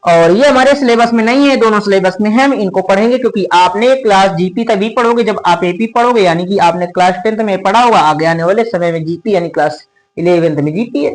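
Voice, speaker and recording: High-pitched male maths teacher, keeps checking if the class gets it. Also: rough recording. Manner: calls students "beta", checks understanding often.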